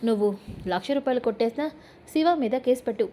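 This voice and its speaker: A woman's voice: on the high side, fast talker, warm tone, slight background noise, lightly acted. A woman doing a blunt sarcastic young husband. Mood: defiant. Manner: sarcastic, defiant.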